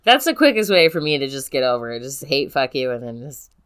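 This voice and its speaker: A woman's voice: very deep voice, very animated, a little fast, a bit bright, clean tone. A woman co-hosting a casual podcast chat, talking in a loose, filler-heavy way and giggling often. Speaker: podcast co-host.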